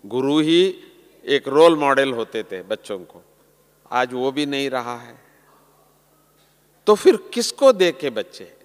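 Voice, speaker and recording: A man giving a sermon to a large gathering as a spiritual teacher, slow and earnest, letting his voice fall softly at the ends of phrases. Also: mid-range voice, clean tone. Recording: long hall reverb.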